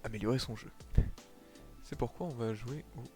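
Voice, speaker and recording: A man's voice: medium pitch, moderate pace, darkish tone. A man streaming a game live, talking casually to his viewers and explaining as he plays, with lots of fillers. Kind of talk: casual gameplay commentary. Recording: faint music behind.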